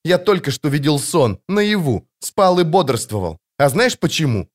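A man's voice: a little high, very animated, unhurried, pitched above the performer's own voice. A man voicing a tormented, bitter teenage boy in an audiobook, speaking in intense, agitated outbursts. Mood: cold, intense. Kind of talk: audiobook character voice.

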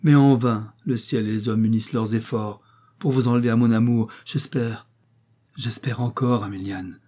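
A man's voice: mid-range voice, steady tone, moderate pace, mellow, lightly acted. A man voicing a desperate, lovesick young nobleman, pleading in impassioned, declaimed lines. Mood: anguished.

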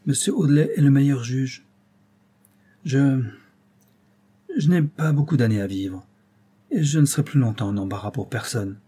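A man's voice: mid-range voice, moderate pace, long pauses, dark tone, husky, voice pushed up, natural voice. A man reading aloud and voicing a grieving, pleading old drunken grandfather who halts and repeats words. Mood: resigned. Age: older.

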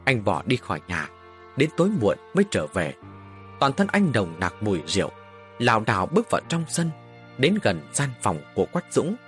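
A man narrating a dramatic story with an expressive, lively delivery. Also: lowish voice, normal speed. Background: faint music.

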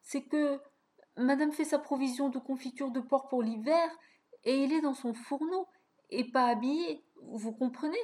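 A woman's voice: sits high, moderate pace, dark tone, voice pushed up, lightly acted. A woman voicing a surprised, flustered young maidservant in a storybook reading.

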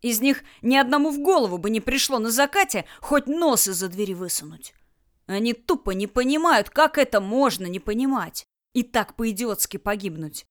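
A woman's voice: a little high, lively intonation, moderate pace, close to an everyday voice. A woman reading an audiobook, voicing a hot-tempered tough man who barks out blunt, coarse words. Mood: furious. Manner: barking, blunt. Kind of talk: audiobook character voice.

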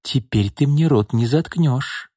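A man voicing a vengeful woman who speaks coldly and mockingly, sometimes with a soft pleading tone. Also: medium pitch, unhurried, breathy edge, no room sound, clean studio sound, voice pushed up. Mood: icy mocking. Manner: pleading, then icy and mocking. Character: cold vengeful woman back from the dead.

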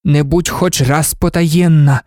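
A woman's voice: low-pitched, steady tone, slow pace, mellow, dry recording, clean studio sound, voice pushed up. A woman voicing an anxious, doting mother who frets and pleads with her daughter. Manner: fretful, pleading. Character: anxious, doting older mother, a professor's wife.

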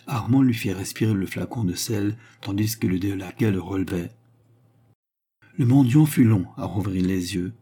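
A man reading a classic novel aloud as an audiobook narrator, with a measured, steady delivery. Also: lowish voice. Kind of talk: scripted narration.

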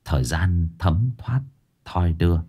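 A man narrating a ghost story in an expressive, dramatic way. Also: deep voice, takes it slowly, husky.

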